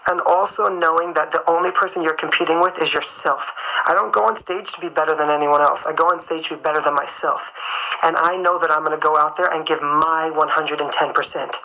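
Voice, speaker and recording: A man's voice: a little high, fairly even intonation, a little fast, bright, forceful tone, low-quality recording. A man who is a singer and performer, hosting a live stream and giving a motivational talk while chewing gum. He stresses his points and repeats key phrases. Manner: chews gum while talking.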